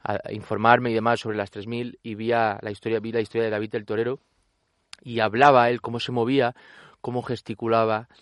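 Young actor in interview, animated, restarts a lot, smooth resonant tone. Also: male voice, medium pitch, a little fast, no room sound, clean studio sound. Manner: animated, with many restarts and repetitions. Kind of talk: casual interview talk.

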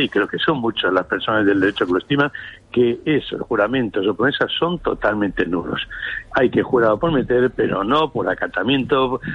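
A man, a public prosecutor, explaining legal points in a measured way during a radio interview. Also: mid-range voice, slightly rough, muffled recording. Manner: measured, explanatory, hesitant fillers.

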